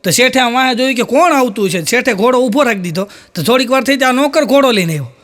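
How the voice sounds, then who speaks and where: A man telling stand-up jokes, acting out the characters' lines in a higher voice. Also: animated, fast talker, fairly bright tone. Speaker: stand-up comedian.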